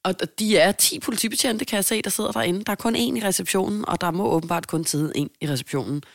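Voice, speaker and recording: A woman's voice: mid-range voice, dry recording, clean studio sound. A Danish woman co-hosting a podcast, casually telling a story and acting out the people in it. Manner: animated storyteller, acts out quoted people. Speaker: podcast co-host. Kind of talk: casual chat.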